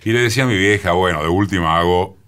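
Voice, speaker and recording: A man in his sixties with a Rioplatense accent and a booming, forceful deep voice, telling his story in a radio studio interview with many pauses. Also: clear, resonant tone. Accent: Rioplatense Spanish. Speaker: radio journalist guest. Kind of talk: reminiscing interview talk.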